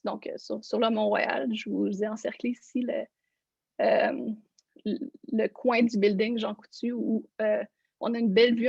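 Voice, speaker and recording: A woman gives a lecture online, explaining her slides step by step. Her fairly high voice has a gravelly, breathy edge. The sound is dry and a bit dull, like lo-fi video-call audio. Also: a little mellow, dry recording. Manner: explanatory, walks listeners through slides. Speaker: neuroscience researcher giving a lecture.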